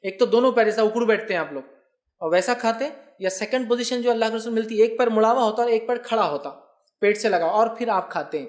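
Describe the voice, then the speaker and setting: A man, an Islamic scholar answering viewer questions in a religious lecture, explaining patiently and often checking that listeners follow. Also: high voice.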